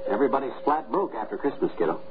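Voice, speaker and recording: Man acting a brash, lively radio-comedy husband. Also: mid-range voice, racing, close to an everyday voice. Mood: breezy, folksy. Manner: slangy, blustery. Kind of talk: 1950s-style old radio comedy acting. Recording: noisy, tinny old radio recording.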